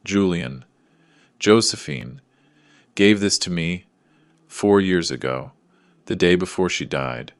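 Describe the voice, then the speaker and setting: A man's voice: low-pitched, lively intonation, slow, pauses often, smooth, dry recording, studio quality. A man voicing an elderly male doctor in his eighties, a loyal old friend speaking earnestly.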